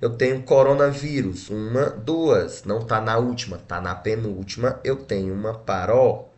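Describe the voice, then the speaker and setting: A man with a darkish, lowish voice, speaking at normal speed in a Brazilian Portuguese accent, delivers a grammar lesson for exam prep. He segments each word by syllable, and the Brazilian teacher regularly checks in with short tag questions.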